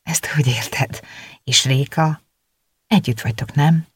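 A reader voicing an earnest, shy teenage girl in an audiobook, with a husky tone. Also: medium pitch, lively intonation, no room sound, studio quality.

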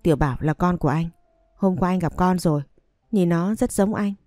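A heartbroken young man argues and pleads in a storybook reading, voiced by a woman. The voice is low and soft-edged, recorded dry with faint music underneath. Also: brisk, no echo, natural voice. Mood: pleading.

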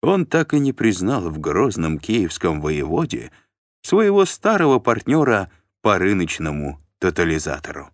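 A man narrating an audiobook in an expressive storytelling manner. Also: deep voice, measured pace, no echo.

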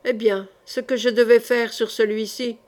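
A woman's voice: fairly high pitch, flat delivery, moderate pace, close to an everyday voice. A woman reading an audiobook, voicing a cold, scheming, gaunt male sorcerer who flares into fury. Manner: cold, turning to furious shouts.

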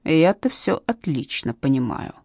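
A woman's voice: mid-range voice, very animated, brisk, mellow, dry recording, studio quality, voice pushed up. A woman voicing a stern, sarcastic female police captain who barks her questions. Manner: curt, barking, mocking.

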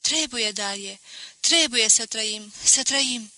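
A sad, firm young woman, as a female reader puts her on presses her words with urgent pleading. The voice is very bright and sharp, recorded dry and close. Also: fairly high pitch, no room sound.

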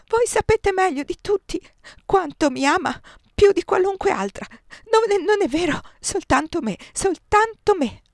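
A woman's voice: a little high, normal speed, dry recording, clean studio sound, pitched above the performer's own voice, close to an everyday voice. A woman voicing a tearful fading empress. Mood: pleading. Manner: pleading, sobbing, breaking into cries.

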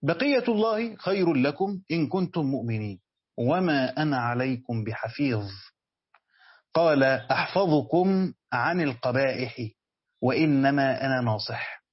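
A man's voice: medium pitch, animated, normal speed, slightly rough, dry recording, dull audio. A man with an Egyptian Arabic accent teaching a Quran commentary lesson. He asks his students questions and then answers them himself. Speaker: religious teacher.

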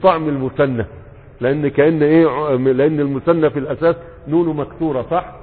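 A man with an Egyptian Arabic accent gives a lesson on grammar, and his voice sits slightly high with some husk in it. He quizzes the listeners and then answers his own questions, lingering over each example word. The recording is tinny and narrow, and long reverb rings behind him as if in a large hall. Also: steady tone, breathy edge. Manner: asks questions and answers them himself, drawls example words slowly. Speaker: sheikh teaching Arabic morphology. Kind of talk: classroom lesson. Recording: phone-like sound with long reverb.

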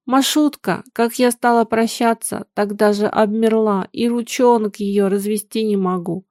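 A woman's voice: medium pitch, steady tone, a little slow, a little mellow, no room sound, clean studio sound, natural voice. Woman reading as a grieving peasant mother. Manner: plaintive, sighing folk speech.

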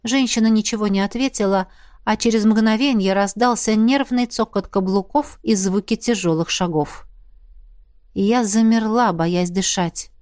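A woman's voice: medium pitch, moderate pace, dry recording. Dry, close woman audiobook narrator. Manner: expressive, breathless in tense moments. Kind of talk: first-person fantasy audiobook narration.

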